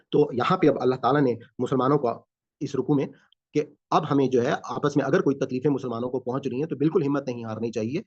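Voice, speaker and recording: Guy teaching a quran class on zoom, calm explainer, dry muffled call audio. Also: medium pitch, husky, no room sound. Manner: calm explaining with many fillers. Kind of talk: online class lecture. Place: home, video call. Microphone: video call mic. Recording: dull lo-fi video call audio.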